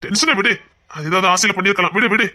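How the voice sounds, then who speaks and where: An actor playing an emotional young brother-in-law, speaking with a Tirunelveli accent in a tearful, stammering, affectionate way. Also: male voice, sits high, very fast, sharp tone. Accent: Tirunelveli Tamil. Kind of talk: web series acting.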